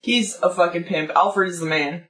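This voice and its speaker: A woman co-hosting a podcast, talking loudly and emphatically with constant swearing. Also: lowish voice, fairly even intonation, normal speed, echoey room, distant mic. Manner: loud, profane, emphatic. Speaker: podcast co-host. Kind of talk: casual drunk chat.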